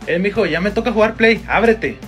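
A man's voice: high voice, lively intonation, fairly quick, fairly bright tone, soft background music. A man voicing a pushy, rude young cousin in a comedy sketch. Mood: bossy. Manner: bossy, brash.

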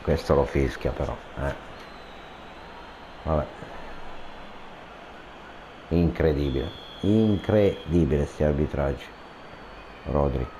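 A man with a low voice commentates a football video game he is playing. His delivery is slow and casual, with excited name-calling as attacks build. The recording has clear background noise. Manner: rising excited goal-attack commentary, repeating player names. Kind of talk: amateur football match commentary in casual asides. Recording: clearly noisy home recording.

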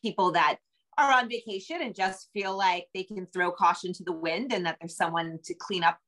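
Speaking from a bookshelf-filled room at home, this middle-aged novelist and screenwriter joins a video call interview as a guest. Her American-accented voice sits on the low side, bright and forceful, at a moderate pace, and she rambles casually while poking fun at herself.

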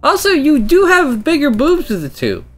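A woman's voice: high-pitched, wildly swooping pitch, moderate pace, faint music behind, pitched above the performer's own voice. A woman voicing an awkward, innocent, blunt hooded traveller in a visual novel. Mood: tactless.

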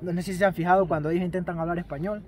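A young Salvadoran man, a university student, chatting casually in a group with quick restarts. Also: high-pitched, fairly even intonation, crowd noise. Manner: fast, restarts often.

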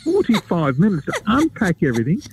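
A man's voice: sits high, wildly swooping pitch, brisk, darkish tone, a little hiss or hum, low-quality recording. A man with an Australian accent telling local history stories on live radio in a chatty, leisurely way. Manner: chatty, leisurely storytelling with asides to the host. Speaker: history storyteller, regular guest.

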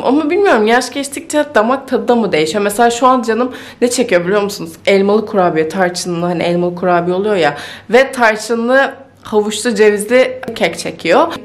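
A woman chatting casually in a home vlog, thinking aloud and easily amused, with faint music behind her. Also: on the high side. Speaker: vlogger. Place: home kitchen.

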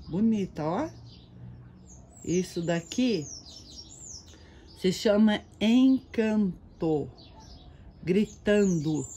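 Slow-spoken woman touring her orchid house. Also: on the low side, a little hiss or hum. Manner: admiring, exclamatory, repeats words softly. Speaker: orchid grower and channel host. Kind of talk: casual guided tour, talking to viewers.

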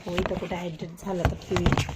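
A woman's voice: fairly low pitch, little pitch movement, normal speed, very noisy. A woman vlogging at home, chatting to the camera about her day in a casual way. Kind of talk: casual home vlog chat.

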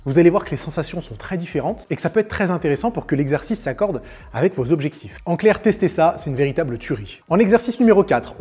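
A man explaining gym exercises in a quick, upbeat fitness tutorial, including a sponsor read. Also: a little high, mellow, husky. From France. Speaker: fitness coach.

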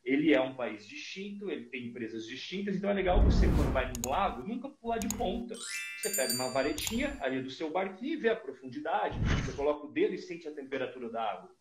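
A man in his thirties with a Brazilian Portuguese accent, a guest investment analyst on a casual podcast interview, tells stories animatedly and acts out dialogues. His voice is a little high and quick, with hardly any pauses, and music plays behind him. He speaks through a headset on a video call from a small purple-lit room, and the lo-fi audio is echoey.

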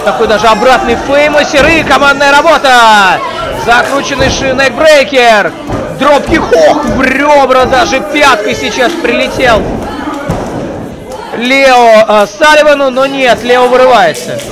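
A man giving live play-by-play as a wrestling commentator, breaking from hesitant analysis into excited exclamations. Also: very high-pitched, measured pace, music in the background. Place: indoor wrestling event hall. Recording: noisy live arena, crowd behind. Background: crowd noise.

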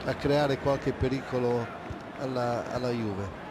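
A man works as second voice on a football broadcast. He adds short bits of analysis at a middle pitch. Loud stadium noise surrounds his voice. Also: slow pace. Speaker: football co-commentator. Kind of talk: match analysis.

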